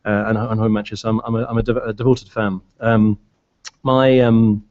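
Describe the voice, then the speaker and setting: A middle-aged man from Glasgow speaks at a public meeting in a British accent softened by years in southern England. His voice is low and quite monotone, and he feels his way haltingly through each phrase. The recording is a little dull. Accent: British, anglicised by years in southern England. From Glasgow, Scotland. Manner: halting, hesitant. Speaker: board candidate addressing fans. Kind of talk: unscripted speech at a public meeting.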